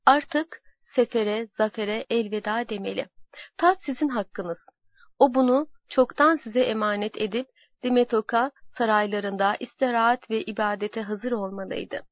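A woman reading the coaxing words of scheming male palace henchmen, slowly. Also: a little high, no room sound, lightly acted. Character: scheming male court henchmen, whispering flattery. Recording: dull lo-fi dry recording.

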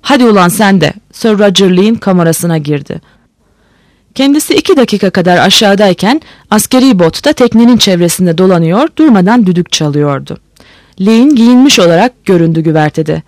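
An audiobook narrator reading a novel in a steady storytelling manner. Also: mid-range voice, dry recording. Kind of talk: scripted narration. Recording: dry close recording.

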